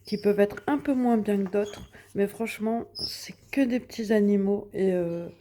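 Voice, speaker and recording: A woman's voice: mid-range voice, moderate pace, warm tone, slight background noise. A young woman showing her finished coloring pages in a casual vlog, chatty and hesitant with many fillers and restarts, sitting at home in front of a window. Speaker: coloring vlogger. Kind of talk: casual show-and-tell vlog.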